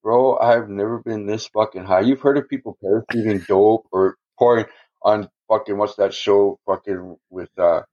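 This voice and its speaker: Low-voiced man, profane rambling story. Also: fairly even intonation, normal speed, warm tone. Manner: profane, rambling, chuckles often. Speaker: guest telling a personal story. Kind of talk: casual podcast storytelling. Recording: dull lo-fi recording.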